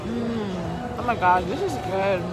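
A woman's voice: medium pitch, slow pace. A woman chatting enthusiastically through a mouthful of food as she reviews it, outdoors at a theme park at night. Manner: chatty, enthusiastic tasting remarks. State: mouth full. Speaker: food vlogger. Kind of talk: casual food review vlog. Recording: loud crowd and music outdoors. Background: loud crowd and music.

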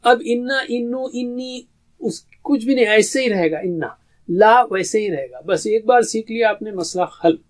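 A man's voice: sits high, darkish tone. A man giving a grammar lesson as a teacher, explaining patiently and asking his own questions before answering them. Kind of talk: classroom lecture.

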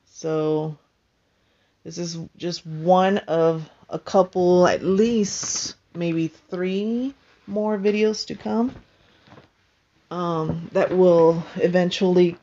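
A woman with a slightly low voice talks through her home footage at an unhurried, deliberate pace, pausing often as she explains each step. The sound is a bit dull and lo-fi. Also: steady tone, mellow. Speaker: vlogger. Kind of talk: casual voice-over narration.

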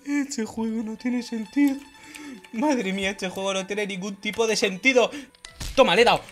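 High, excitable Spanish woman gamer. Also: normal speed, over music. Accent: Spain Spanish. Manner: excitable, shouting and laughing often. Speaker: gaming youtuber. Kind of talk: excited gameplay commentary.

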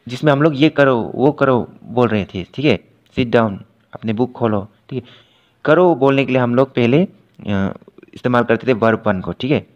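A male teacher walks a class through a grammar lesson in a patient, repetitive way, checking in with the students again and again. He reads each English example slowly and then translates it. His voice sits at a middle pitch, and the recording is dull and lo-fi.

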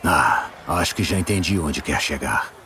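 A gruff monster hunter in a game, deep voice, dry and terse, bit of background noise. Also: male voice, normal speed, pushed and bright. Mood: dry, calm. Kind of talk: dubbed video game acting.

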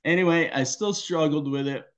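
A male pastor giving a personal testimony in a worship service, in a conversational, halting way with many fillers. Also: fairly high pitch, fairly bright tone.

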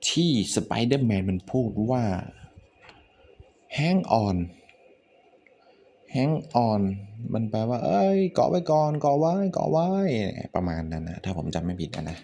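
Low gravelly Thai-accented man teaching. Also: a little hiss or hum. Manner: relaxed, thinks aloud, swears casually. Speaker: English vocabulary teacher. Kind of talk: casual spoken vocabulary lesson.

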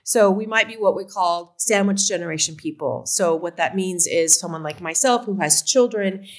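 Her voice on the low side and her pace moderate, an American-accented co-founder in her fifties gives a casual interview by video call. She is from Oregon, speaks from a room at home through a webcam, and gestures as she talks.

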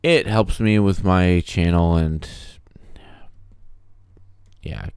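A man's voice: deep voice, slow, a little mellow, smooth, no room sound, clean studio sound. A man streaming a game, chatting loosely and trailing off, then joking through his sign-off. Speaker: gaming streamer. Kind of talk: casual live-stream commentary.

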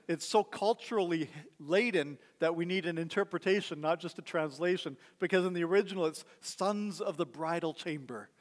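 In a reverberant church sanctuary, a high-voiced man preaches a sermon in a conversational style, asking rhetorical questions. Long hall echo colors the recording.

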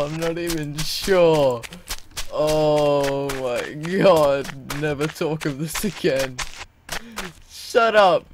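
A man talks through his gameplay in an unhurried drawl, but his pitch jumps all over the place as he chatters to himself and to the game. He pokes fun at himself as he goes. A steady hiss of background noise and clicking sits under his voice. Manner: excitable, talks to himself and the game, self-mocking. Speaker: gaming video host. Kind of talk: let's play commentary.

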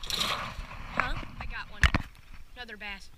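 A young man hosting a fishing vlog from a small boat on a lake, talking excitedly to viewers as he reels fish in. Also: high voice, slow pace. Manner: excitable, talks to viewers while reeling in. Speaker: fishing vlogger host. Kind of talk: excited casual narration to camera. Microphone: action camera on the boat. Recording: distant action-cam audio, loud outdoor noise.

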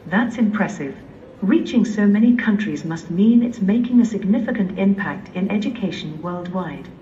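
A synthetic female voice of a humanoid robot giving smooth, measured, polite replies in a large museum hall. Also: medium pitch, animated, dark tone, a little hiss or hum. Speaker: humanoid robot answering visitors. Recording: dull, echoey, distant in a museum hall.

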